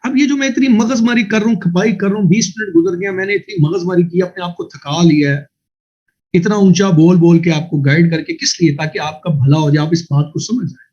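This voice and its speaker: A man's voice: fairly high pitch, expressive, brisk, a little mellow, dull audio. A man giving an exam-prep grammar lecture, scolding and emphatic, slipping English phrases into his teaching.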